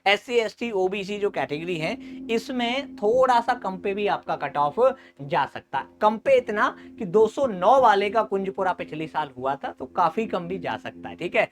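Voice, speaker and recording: A man teaching as a coaching instructor, explaining at length, often checking in with the listener and pausing with "uh". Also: high voice, lively intonation. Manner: keeps checking in with "okay", frequent "uh" pauses. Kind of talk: explanatory lecture to students.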